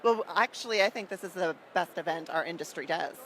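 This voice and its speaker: A woman's voice: on the low side, brisk, fairly bright tone, a little hiss or hum. A woman exhibitor at a trade show booth, friendly and promotional when answering questions.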